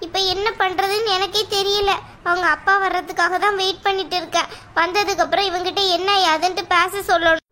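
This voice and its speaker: A woman voicing a gentle, apologetic middle-aged mother of the groom in a cartoon. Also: very high-pitched, flat delivery, fairly quick, slight background noise. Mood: soothing. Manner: soft, apologetic, soothing. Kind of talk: cartoon voice acting.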